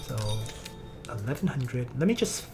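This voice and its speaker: A woman with a low voice gives casual gameplay commentary, talking through each move step by step. Her delivery is relaxed yet lively in pitch. Faint game music plays behind her. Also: moderate pace. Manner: relaxed, explains strategy step by step. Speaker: game video player.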